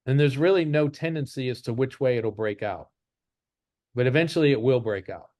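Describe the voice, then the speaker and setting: A trading instructor speaks at normal speed in a medium-pitched, somewhat mellow voice, with no echo on the recording. His casual chart lesson moves step by step, and he keeps going back over his rules.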